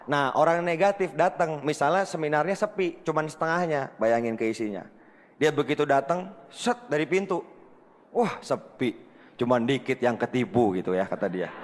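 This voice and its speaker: Animated man speaking in a reverberant hall. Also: fairly high pitch, normal speed, a little hiss or hum. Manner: animated, addresses the audience again and again, acts out quoted dialogue. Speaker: seminar speaker. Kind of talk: motivational storytelling talk to an audience. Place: seminar hall with audience.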